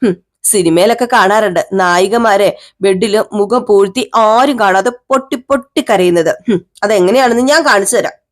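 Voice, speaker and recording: A woman's voice: medium pitch, moderate pace, natural voice. A woman voicing a caring young husband who coaxes his wife fondly and scolds her in mock sternness.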